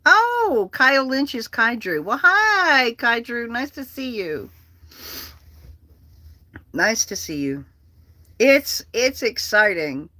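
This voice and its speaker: Chatting on a livestream, this host speaks slowly in a mid-range voice and pauses often, yet stays animated, swears freely, rambles and repeats phrases. The recording is dry.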